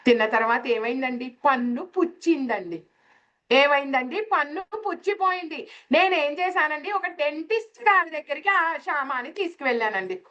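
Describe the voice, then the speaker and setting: A woman's voice: high-pitched, normal speed, bright, forceful tone, dull audio. A woman teaching spiritual lessons through everyday stories, often asking her listeners questions. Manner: asks the listeners questions with tag words. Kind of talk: explaining scripture with everyday stories.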